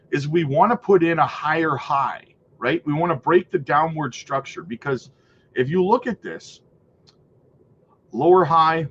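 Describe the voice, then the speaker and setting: With a fairly high pitch and a stuffy cold, this man hosts a crypto livestream, doing chart analysis and upbeat chat shout-outs while often saying "right?" and "man." The audio is dull, with slight background noise.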